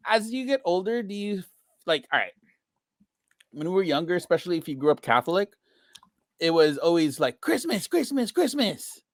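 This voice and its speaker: A man's voice: fairly high pitch, no echo, studio quality. A man hosting a casual trading podcast, joking and laughing often as he chats with his co-host. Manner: laughs a lot, quick joking delivery. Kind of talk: casual banter on a trading show.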